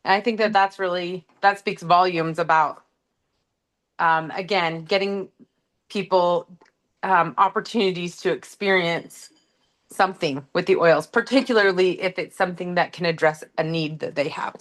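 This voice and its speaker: A woman who is a teacher, speaking as a guest in a casual podcast chat, thoughtful and halting with many fillers. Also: fairly low pitch, fairly even intonation.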